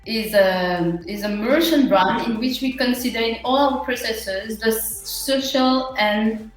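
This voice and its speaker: A woman with a Mauritian accent answering interview questions in an earnest, halting, conversational way. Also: on the high side. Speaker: interview guest, small business owner. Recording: very echoey room, faint music.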